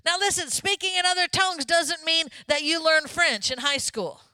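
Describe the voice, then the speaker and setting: A woman pastor preaches with a high, bright voice, talking to her congregation in an easy, conversational way and often asking them questions. The sound is close and dry, with no room echo. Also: moderate pace. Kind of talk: sermon.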